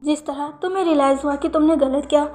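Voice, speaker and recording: A woman's voice: high-pitched, steady tone, fast talker, a little mellow, faint music behind, natural voice. A woman voicing a caring, protective young man who pleads and reassures with urgent questions, in a storybook reading. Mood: reassuring.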